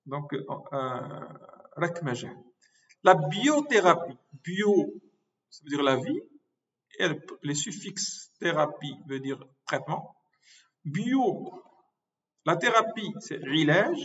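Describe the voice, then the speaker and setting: A male professor giving a recorded lecture, slowly repeating and spelling out terms. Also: on the high side, very animated, a bit bright. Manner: slow, repeats words and spells them out syllable by syllable. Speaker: medical school professor. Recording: distant mic, dull lo-fi sound.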